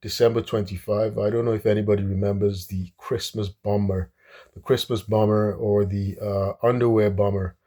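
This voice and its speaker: A man's voice: fairly low pitch, level tone, moderate pace, warm tone. A man from Nigeria giving casual solo commentary on politics, speaking hesitantly with many fillers and restarts.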